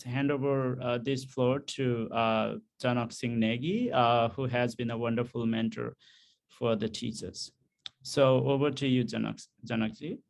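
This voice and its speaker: Slow, hesitant man hosting a session. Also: medium pitch. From Nepal. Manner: hesitant, many ums and uhs. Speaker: session host. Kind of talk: online conference hosting. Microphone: video call.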